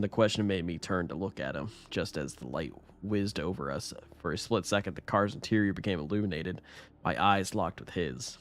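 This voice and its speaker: A man streaming himself reading a horror story aloud in a casual way, often stumbling and restarting his sentences. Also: fairly low pitch.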